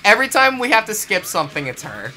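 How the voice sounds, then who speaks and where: A young man co-hosting a show talks casually about a video game, his voice high, very animated and fast as he gives his opinions emphatically. Video game music plays behind him.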